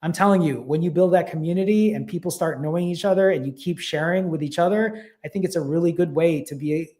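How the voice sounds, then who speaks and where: A man's voice: on the high side, fast, dark tone. Upbeat man hosting a live stream. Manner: upbeat, encouraging, thanks viewers by name. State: a little out of breath. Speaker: fasting channel host. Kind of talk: casual live-stream chat reading viewer comments.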